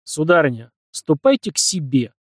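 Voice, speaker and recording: Man playing gruff bearded prince, stern, commanding, dry close sound. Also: a little high, sing-song, normal speed, no echo.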